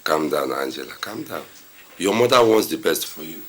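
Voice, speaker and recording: An actor with a Nigerian accent playing a stern older church elder, measured and scolding. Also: male voice, extremely low pitch, breathy edge, full character voice. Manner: measured, calming, then scolding. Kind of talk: film drama acting.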